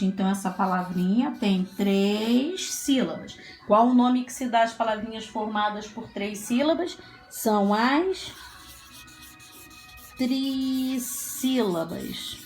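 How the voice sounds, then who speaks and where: A woman teacher giving a children's classroom lesson, patient and sing-song, stretching out syllables as she sounds out words. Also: medium pitch. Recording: echoey room, faint ambience.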